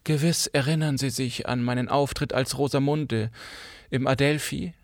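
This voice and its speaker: A man's voice: medium pitch, steady tone, normal speed, no room sound, clean studio sound, pitched above the performer's own voice, close to an everyday voice. A man voicing a melodramatic former stage actress who declaims in a grandiose, self-pitying way in an audiobook. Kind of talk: audiobook character voice.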